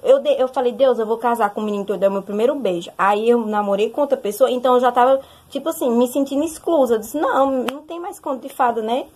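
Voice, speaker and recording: A young woman sharing a personal testimony in a casual, animated way, often turning to speak straight to her listeners. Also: fairly high pitch, fast, hardly any pauses, breathy edge. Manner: animated, addresses listeners directly.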